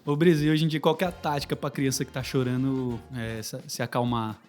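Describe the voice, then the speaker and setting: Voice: mid-range voice, fairly quick, a little mellow, faint music behind. A Brazilian podcast host asking questions in a chatty, casual interview. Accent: Brazilian Portuguese.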